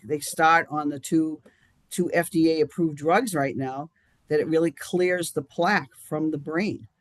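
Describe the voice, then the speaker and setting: A man with a Boston accent answers questions on a live-stream interview, rambling and halting as he goes back and restarts his sentences. His voice sits a little high for a man. The sound is dry and close, with no room around it. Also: no echo. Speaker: guest.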